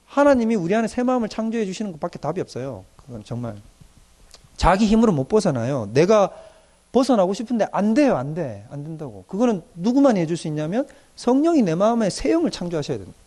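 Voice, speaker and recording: A middle-aged male pastor delivers a doctrine lecture in a high voice, talking fast. He animatedly acts out the voices of young people he has counselled, quoting them in dialect.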